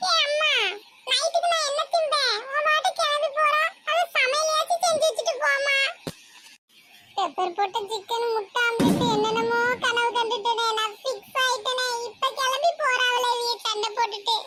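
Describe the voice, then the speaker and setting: A woman's voice: extremely high pitch, normal speed, long pauses, bright, forceful tone. A woman voicing a weary, scolding mother of two quarrelling daughters in a cartoon. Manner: complaining, scolding. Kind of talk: cartoon voice acting.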